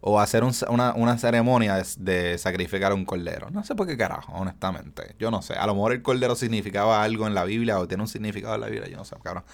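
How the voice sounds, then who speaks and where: Animated young man telling stories. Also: on the low side, quick pace, vocal fry, hardly any pauses. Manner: animated storytelling, mixing English into Spanish, acting out voices. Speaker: podcast host. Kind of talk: casual chat.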